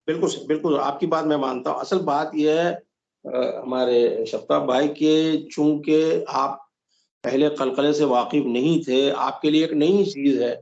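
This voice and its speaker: A man teaching a Quran recitation class, patiently explaining rules step by step and slowly modeling the sounds. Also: a little high, steady tone, creaky, darkish tone. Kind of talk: online tajweed class. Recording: dull lo-fi roomy audio.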